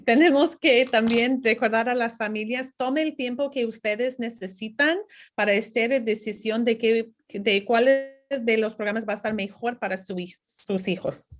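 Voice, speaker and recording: Halting high-voiced woman interpreter. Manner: halting, searching for words. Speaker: interpreter at a town hall webinar. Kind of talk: consecutive interpreting in a public meeting.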